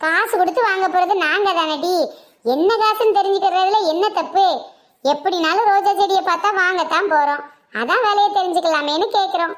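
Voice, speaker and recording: A woman's voice: very high voice, a little fast. A woman playing teasing village women in a comedy skit, jumping between several put-on voices.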